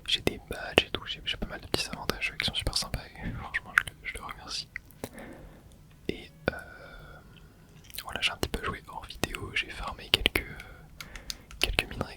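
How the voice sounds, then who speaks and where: A streamer whispering quietly, as if at night, giving casual, rambling ASMR commentary while playing a game and thinking aloud. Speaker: video creator and streamer.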